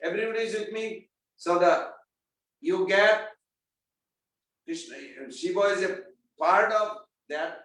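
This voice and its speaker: A man with a high, fairly bright voice teaches scripture without hurrying. He is conversational, quizzes those listening and chants verses along the way. The mic is far off in a room full of echo.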